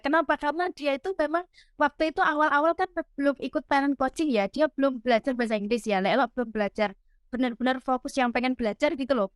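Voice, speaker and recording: Chatty woman host, high voice, dry close recording. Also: clean tone, dry recording. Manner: conversational, explains and prompts the guest. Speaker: host, parenting coach. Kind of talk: casual chat.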